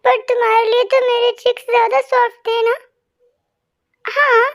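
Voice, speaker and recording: Woman as a young wife, whiny, sobbing, accusing, extremely high voice, fan dub. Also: little pitch movement, moderate pace. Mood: anxious. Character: young wife, dramatic and tearful. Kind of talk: amateur Hindi fan dub.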